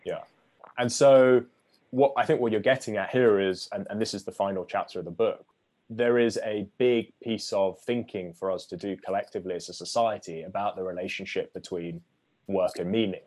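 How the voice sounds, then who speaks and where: Measured man explaining ideas. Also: on the low side, steady tone, a little mellow. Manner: measured, lecturing with frequent restarts. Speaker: author guest.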